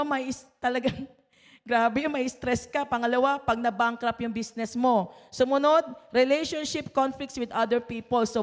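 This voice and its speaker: A woman's voice: on the high side, in a large hall. A woman pastor giving a conversational sermon, listing points and often checking in with the listeners through tag questions.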